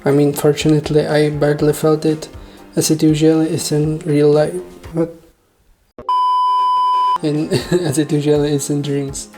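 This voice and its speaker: Low-voiced czech woman telling her dream kinda puzzled and self-mocking, soft music behind. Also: flat delivery, moderate pace, long pauses. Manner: self-deprecating, jokey, puzzled asides and mock-serious boasting. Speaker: video storyteller. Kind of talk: casual dream-recounting monologue. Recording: faint background music.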